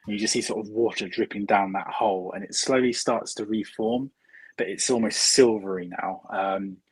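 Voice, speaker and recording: A man's voice: fairly low pitch, fairly even intonation, moderate pace, breathy edge, dry recording, low-quality recording. A man narrating as dungeon master in a casual, hesitant way, full of "um" and "sort of". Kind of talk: narrating a tabletop game.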